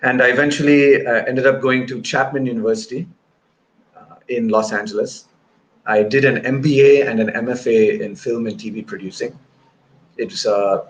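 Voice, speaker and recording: A mid-range male voice belongs to a filmmaker in his thirties who grew up in Bahrain and Malaysia. As an interview guest, he casually recounts his career from an indoor room over a video call, and his wired earphones yield noisy audio.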